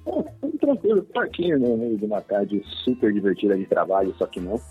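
A man with a Brazilian Portuguese accent, a listener calling in and heard over a phone line, talking in a wry, slangy, deadpan way. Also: on the low side, a little fast, slightly rough, faint music behind. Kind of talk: casual joking chat.

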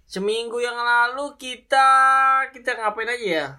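A young man, co-hosting a casual podcast and telling animated, slangy stories. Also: very high voice, normal speed. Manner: animated storytelling, slangy, swears a lot. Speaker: podcast co-host. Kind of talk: casual chat.

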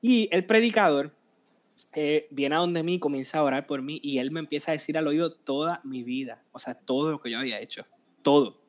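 A Puerto Rican man in his late twenties, a singer telling his story in a casual interview, animated and acting out quotes. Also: a little high, brisk. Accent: Puerto Rican Spanish. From Puerto Rico. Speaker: guest singer.

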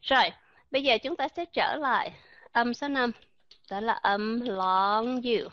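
A woman's voice: a little high, measured pace, a bit bright, dry recording, soft background music. A woman teaching English pronunciation in a live online class, chatty, tossing in "ok" and rhetorical questions. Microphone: computer mic in a voice chat room. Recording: dull lo-fi online voice chat audio.

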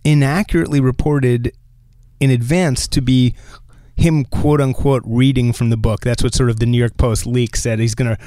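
Animated man hosting a podcast, dry studio sound. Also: mid-range voice, normal speed, dry recording. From New Jersey. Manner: animated, laughs often, restarts mid-sentence. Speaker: podcast host. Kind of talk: casual chat.

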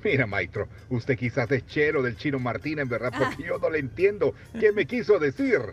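A man's voice: medium pitch, lively intonation, moderate pace, muffled recording, faint music behind, lightly acted. A man doing a pompous, indignant old-fashioned gent. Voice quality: old-fashioned formal insults, mock-indignant.

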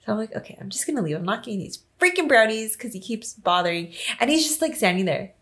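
A young woman co-hosting a podcast, telling an animated story in casual chat and laughing often. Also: on the high side, fast. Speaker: podcast co-host.

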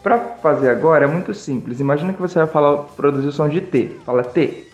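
A Brazilian man with a Brazilian Portuguese accent gives a friendly English lesson. His voice sits a little high, and he drills each word slowly so students can repeat it. The room is echoey, and faint music plays behind him. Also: muffled recording. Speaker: English teacher.

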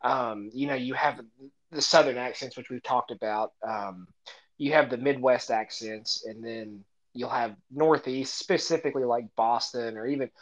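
A man's voice: mid-range voice, normal speed, poor audio. An American man co-hosting a podcast in casual chat, often laughing as he talks. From United States. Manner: laughs often mid-sentence. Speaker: podcast co-host.

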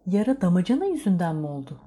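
A woman's voice: lowish voice, sing-song, fast, mellow. A woman voicing a puzzled young man asking baffled, wondering questions.

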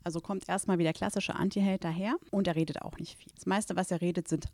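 A woman in casual chat, calmly explaining a children's book series. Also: lowish voice, fast talker, no room sound, clean studio sound. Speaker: book reviewer.

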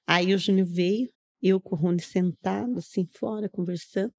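Medium in pitch and a little mellow, a middle-aged Brazilian woman keeps a steady tone and moderate pace. As a podcast guest in casual storytelling mode, she earnestly recounts her testimony step by step, performing the lines others spoke.

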